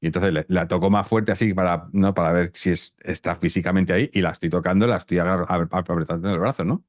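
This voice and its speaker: A man with a very low, deep voice tells a long personal story as an interview guest. He speaks haltingly, restarting phrases and repeating words. The sound is close and dry, with no room echo. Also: fairly even intonation.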